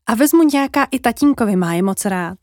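An eager, curious little girl from a bedtime storybook, kind and bright-voiced, as a woman reads her. Her voice sits a little higher than normal and sounds close and dry. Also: expressive, no room sound, lightly acted.

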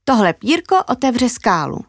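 A woman voicing a sly, teasing female magpie in a children's story, talking in a knowing, playful, drawn-out way. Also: fairly high pitch, big pitch swings, no room sound, clean studio sound.

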